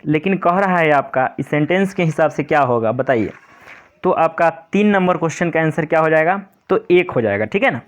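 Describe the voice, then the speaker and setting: A male teacher explaining an English grammar lesson to pupils, patient and repetitive. He reads the English example sentences slowly, word by word. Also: fairly high pitch, animated. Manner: repetitive, patient, keeps saying "pay attention".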